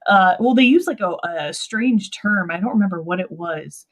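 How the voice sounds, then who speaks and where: A woman's voice: medium pitch, animated, moderate pace. A woman hosting a casual book discussion, chatty and hesitant, with many fillers as she recalls chapters. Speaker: host.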